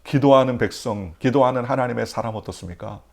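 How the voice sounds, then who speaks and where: Gravelly Korean pastor preaching. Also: male voice, medium pitch, fast. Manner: asks the congregation questions and answers them himself; swings between loud emphatic lines and near-whispers. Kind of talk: early-morning sermon. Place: church.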